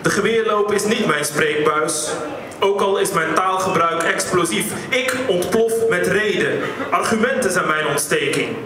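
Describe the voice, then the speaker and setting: A male slam poet delivers rhymed lines in a steady, rhythmic cadence, his voice slightly raised in pitch. He sounds set back from the microphone, his words washing around a very reverberant hall over a clear layer of background noise. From Netherlands. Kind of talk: performed spoken-word poetry. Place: live venue hall. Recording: echoey hall, distant mic, background noise.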